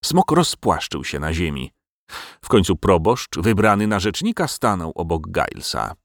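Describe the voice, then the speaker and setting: A man narrating a storybook audiobook in an expressive, storytelling manner. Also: low voice, moderate pace, creaky, no room sound, studio quality.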